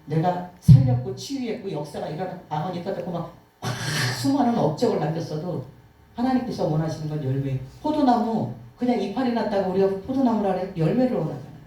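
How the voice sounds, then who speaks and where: A woman's voice: on the low side, quick pace. A woman preacher giving an emotional testimony sermon, telling stories vividly with sighs and acted-out quotes. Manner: animated storytelling, acting out quotes, sighing. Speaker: guest preacher. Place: church sanctuary. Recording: echoey hall from far off.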